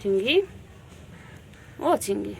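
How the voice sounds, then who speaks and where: A woman's voice: medium pitch, takes it slowly, vocal fry, fairly bright tone, a little hiss or hum. A woman filming her cats at home, talking baby talk to them in a cooing, sing-song way with lots of repeated words. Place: home with pets.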